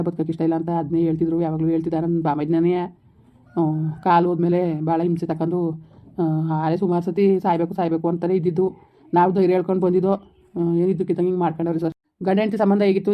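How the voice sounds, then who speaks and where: A woman's voice: lowish voice, narrow, tinny audio, close to an everyday voice. A woman in an amateur village skit, voicing a worried village man who pleads earnestly about a relative's death.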